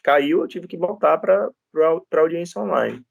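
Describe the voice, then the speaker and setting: A man's voice: a little high, animated, moderate pace, vocal fry, no room sound, highs cut off. A male law lecturer with a Brazilian Portuguese accent, teaching in an informal, storytelling way and often checking in with his listeners. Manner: chatty, storytelling, frequent tag questions.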